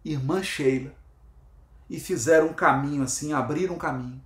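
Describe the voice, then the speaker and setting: A man's voice: a little high, normal speed, reverberant. A man leading a spiritist book study, emphatic and repetitive, asking his listeners questions. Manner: emphatic, repeats himself, asks the audience questions.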